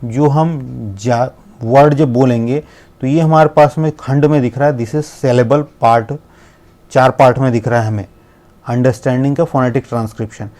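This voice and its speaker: A man teaches a lesson on pronunciation with a warm, relaxed voice. He explains patiently, mixing English terms into his Hindi and drawing out individual sounds of each word. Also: mid-range voice. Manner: explains in Hindi with English words mixed in, slowly spelling out sounds. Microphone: laptop screen recording.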